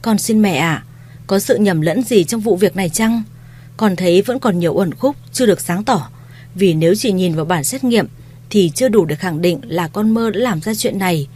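A woman's voice: medium pitch, warm tone, lightly acted. A woman reading a polite middle-aged son. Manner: polite, measured.

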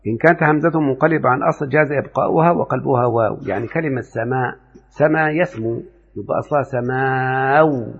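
A man's voice: medium pitch, quick pace, gravelly, husky. A man from Upper Egypt with an Egyptian Arabic accent, lecturing on Arabic grammar and explaining step by step while quizzing his students. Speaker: grammar teacher. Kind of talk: classroom lecture on Arabic morphology. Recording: phone-like audio with long reverb.

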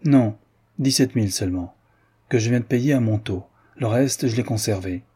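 A man's voice: medium pitch, moderate pace, mellow, husky. A man reading the part of a proud young aristocratic Parisian wife who answers in reserved, clipped replies. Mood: earnest.

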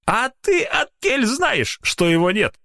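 A man voicing a superstitious, grumpy old village watchman who mumbles through a toothless mouth in a high, shrill voice. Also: very animated, fairly bright tone, exaggerated voice. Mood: grumbling. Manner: shrill, quick to panic.

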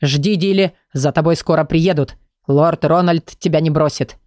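Storybook woman voicing a pompous male curse book, low, slow, dry. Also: darkish tone, no room sound, close to an everyday voice. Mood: excited. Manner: slow, self-important.

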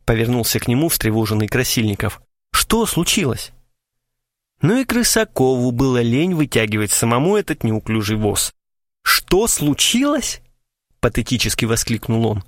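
A man narrating a literary story in a wry, expressive audiobook reading. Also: medium pitch, brisk, few pauses, no echo, studio quality.

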